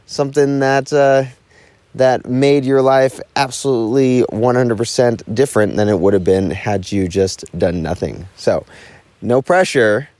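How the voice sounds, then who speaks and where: Lively, enthusiastic male podcast host. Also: measured pace, dry recording. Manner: enthusiastic, lively swings in pitch. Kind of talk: casual podcast chat. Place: at a home property in California.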